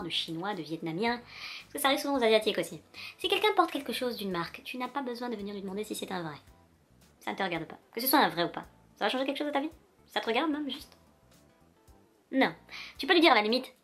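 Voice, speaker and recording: A young woman vlogging straight to the viewer in a sassy, animated rant, with faint music behind her. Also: mid-range voice. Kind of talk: casual direct-to-camera rant.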